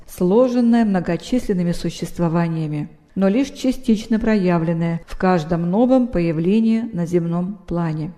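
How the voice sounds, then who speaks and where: A woman narrating a nonfiction book in a measured, even reading. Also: on the low side. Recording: long hall reverb.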